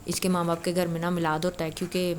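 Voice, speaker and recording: A woman's voice: fairly low pitch, level tone, slight background noise. A woman casually retelling a story in a chatty, conversational way. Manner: chatty, conversational, frequent filler "na".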